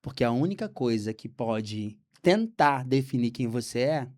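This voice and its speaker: A Brazilian man, a podcast guest, telling a faith story with lively acted-out dialogue. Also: medium pitch, unhurried. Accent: Brazilian Portuguese. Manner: animated storyteller acting out dialogue. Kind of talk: storytelling testimony.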